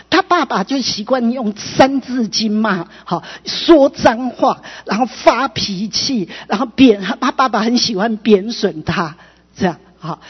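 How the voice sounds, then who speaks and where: A woman pastor preaching a sermon with Taiwanese Mandarin accent, telling a story animatedly and often adding a soft "哈". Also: a little high, husky. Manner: frequent filler "哈", animated storytelling with quoted voices. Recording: dull lo-fi, long hall reverb.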